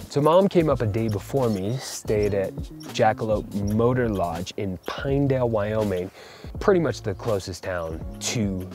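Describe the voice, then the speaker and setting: Chatty man vlogging outdoors. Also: on the low side. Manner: chatty, enthusiastic. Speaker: vlog host. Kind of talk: casual outdoor vlog narration. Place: outdoors at a mountain campsite.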